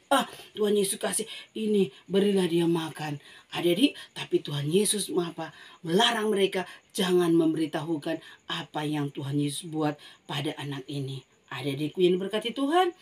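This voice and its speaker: A woman with a Manado Malay accent teaching a Bible story to children, telling it in an animated way with frequent exclamations and repeated key phrases. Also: fairly low pitch, breathy edge. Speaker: Sunday school teacher.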